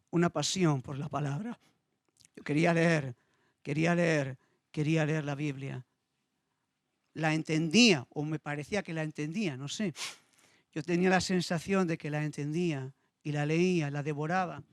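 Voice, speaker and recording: Middle-aged pastor guy telling his testimony, kinda high voice, dry close sound, repeats himself a lot. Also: no echo. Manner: emotional storytelling, repeats phrases. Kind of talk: sermon with personal testimony.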